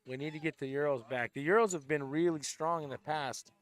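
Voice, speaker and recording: A man's voice: on the high side, a little fast, no echo. A man commentating casually on a sporting event, chatty and rambling, with frequent restarts and light laughs.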